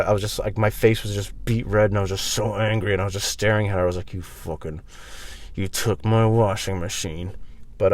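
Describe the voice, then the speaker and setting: Man, lowish voice, dry sound; casual profane storyteller at a laundromat, blunt, slipping into acted-out dialogue. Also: no echo. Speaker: vlog host telling personal stories. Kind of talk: casual rambling comedic monologue.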